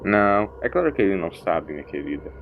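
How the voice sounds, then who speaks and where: A man's voice: low voice, very animated, fast, muffled recording, a little hiss or hum. A man acting out a stern, pompous, dismissive old grandfather in an audio story, humming and muttering between phrases. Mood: irritated, dismissive. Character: grumpy, dismissive old grandfather, learned alien traveller.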